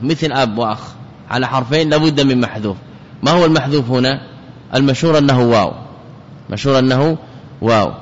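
Man lecturing on grammar in a reverberant hall. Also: mid-range voice. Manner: repeats and drills key words, poses questions to students. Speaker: Islamic scholar teaching Arabic grammar. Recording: dull lo-fi recording with long hall reverb.

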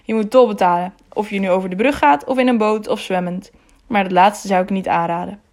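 A woman's voice: medium pitch, fairly quick, a little mellow, natural voice. A woman voicing a stern middle-aged toll guard who lectures in an officious, indignant manner.

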